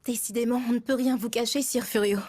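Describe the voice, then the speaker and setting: A woman's voice: fairly high pitch, steady tone, brisk, a little mellow, no room sound, close to an everyday voice. A woman voicing an earnest young princess in an anime dub, speaking formally.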